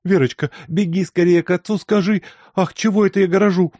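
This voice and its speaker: A flustered matron as a male narrator puts her on, talking high and hurried. Her sentences tumble out in anxious exclamations. Dry, close studio sound. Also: fairly even intonation, a little mellow, no room sound. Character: flustered middle-aged lady of the house.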